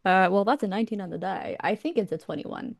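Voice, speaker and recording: A woman's voice: mid-range voice, fast talker, creaky, no room sound. Woman, tabletop player, chatty, filler-heavy, dry close mic. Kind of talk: casual tabletop play.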